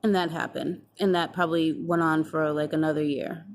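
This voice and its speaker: A woman's voice: low-pitched, level tone, a little fast, slight background noise. A woman in her twenties telling a personal story to the camera in a chatty, casual way, acting out past conversations and swearing freely. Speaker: vlogger.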